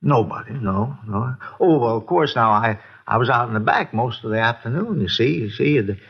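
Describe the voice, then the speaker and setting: In an old radio drama with a dull, lo-fi sound, a man with a mid-range, slightly breathy voice talks at normal speed. He plays a folksy, boozy older American neighbor who is a witness, evasive and excitable, rambling and repeating himself.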